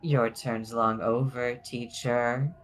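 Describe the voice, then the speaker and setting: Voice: medium pitch, level tone, slow pace, slight background noise, close to an everyday voice. Someone voicing a haughty, taunting anime rival witch. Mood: scornful. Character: proud young witch, mocking rival of her former teacher. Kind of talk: dramatic amateur voice-over of a visual novel.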